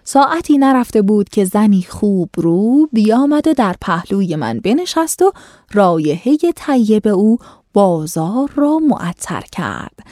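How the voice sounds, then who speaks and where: A woman's voice: mid-range voice, very animated, mellow, dry recording, studio quality. A woman reading a classic tale aloud in formal prose and stopping to explain it in chatty everyday speech. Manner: switches between formal reading and chatty commentary. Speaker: storyteller.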